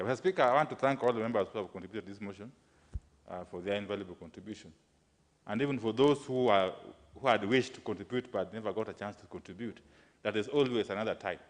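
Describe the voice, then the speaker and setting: A man who is a member of parliament speaks formally and somewhat haltingly, repeating himself. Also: lowish voice. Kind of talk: formal debate speech.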